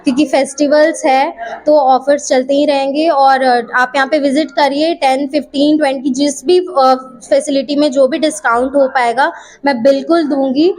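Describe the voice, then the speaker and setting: A woman's voice: high-pitched, fairly even intonation, normal speed, darkish tone. A woman who owns a beauty studio, answering interview questions in a friendly, promotional way with hesitation fillers. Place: at her studio opening.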